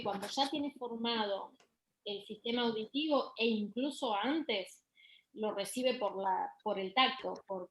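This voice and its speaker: Woman teaching a class, slightly high voice, lots of ehs and restarts. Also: poor audio. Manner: explanatory, with frequent fillers and restarts. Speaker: lecturer in music therapy. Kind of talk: university lecture.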